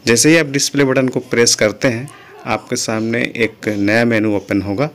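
A man's voice: mid-range voice, steady tone, moderate pace, fairly bright tone. A man hosting his own channel, walking viewers step by step through a TV repair in a patient, explanatory tone. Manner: patient, explanatory, repeats "friends". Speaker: channel host, TV repair tutor.

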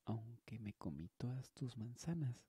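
A man's voice: medium pitch, lively intonation, a little slow, noisy background, natural voice. A man reading the lines of a polite, stubborn runaway teenage girl in a storybook reading. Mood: pleading.

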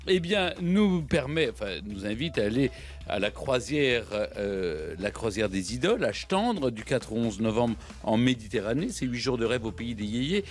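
A man's voice: medium pitch, expressive, normal speed, soft background music. A man co-hosting a radio show, introducing guests and upcoming segments. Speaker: radio co-host. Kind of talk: radio chat.

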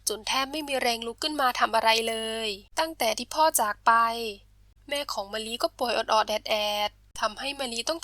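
Bright, high-voiced woman storyteller. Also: no echo. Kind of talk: bedtime storybook narration.

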